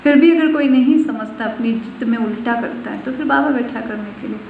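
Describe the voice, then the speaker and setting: A woman's voice: fairly high pitch, fairly quick, creaky, a little hiss or hum. A woman spiritual teacher giving a devotional discourse, repeating phrases and putting questions to her listeners. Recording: far-off voice in an echoey room on a tinny phone-like line.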